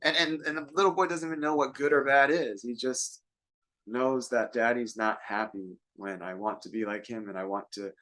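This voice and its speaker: A man co-hosting a casual self-help talk. He tells stories at an easy, conversational pace with a mid-pitched voice and lots of filler words. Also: normal speed, bright, forceful tone. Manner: storytelling, conversational, many fillers. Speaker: co-host.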